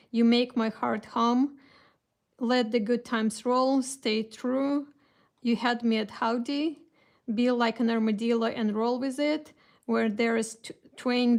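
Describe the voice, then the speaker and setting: During a casual live stream revealing a craft kit, a woman with a Russian accent and a high, creaky voice talks with her viewers, calling them by name and restarting sentences often.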